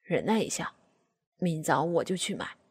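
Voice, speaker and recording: A flustered middle-aged father, as a woman puts him on for a spoken story, stammering and halting. His voice sits lower and breathy, trailing off into a long hall reverb. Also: big pitch swings, darkish tone, heavily acted. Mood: dismissive.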